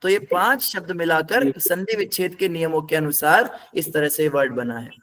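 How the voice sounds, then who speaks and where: A man with a high-pitched voice leads a scripture class. He breaks every word down step by step and stops often to quiz his students. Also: normal speed, a bit bright. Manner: patient, step-by-step explaining, quizzes the class.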